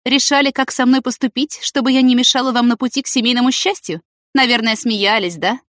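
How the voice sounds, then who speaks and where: A scorned young woman doctor, as a woman narrator puts her on, full of jealous spite, talking in sneering, sarcastic jabs. Her voice sits high above the reader's own and comes out loud and sharp. The audiobook recording is dry and close. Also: animated, fairly quick, dry recording, lightly acted. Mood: bitter sarcastic. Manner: bitter, sarcastic, hissing through teeth.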